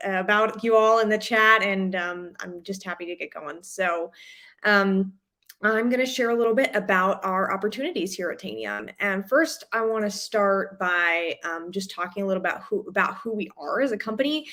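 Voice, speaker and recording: A woman recruiter gives an upbeat, informal company pitch, halting and loosely scripted, over a video call. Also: lively intonation, sharp tone. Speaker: university recruiter.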